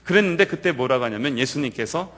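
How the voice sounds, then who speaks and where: A male pastor preaching to a youth service in a church, telling the story vividly and swinging between loud and quiet. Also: medium pitch, fast talker. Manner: animated storytelling that acts out quoted lines. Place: church sanctuary.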